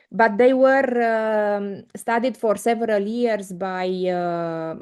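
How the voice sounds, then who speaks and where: A woman's voice: mid-range voice, darkish tone. A middle-aged woman from Romania giving an online mathematics lecture over a video call, hesitant with many fillers and restarts. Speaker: invited conference speaker. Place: indoor room, video call. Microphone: laptop mic on video call.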